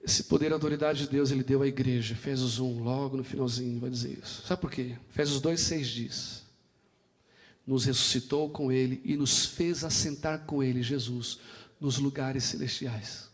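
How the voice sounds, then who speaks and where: A man's voice: mid-range voice, fairly even intonation, moderate pace. A man preaching a sermon with a Brazilian Portuguese accent, telling stories and acting out their dialogue with passion. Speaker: pastor. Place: church sanctuary. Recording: long hall reverb in a church.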